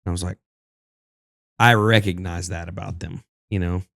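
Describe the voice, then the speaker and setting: Man, from Texas, very low voice, dry close sound, loose storyteller. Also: steady tone, normal speed, creaky, a bit bright, no echo. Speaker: podcast guest, singer-songwriter. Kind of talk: casual conversation.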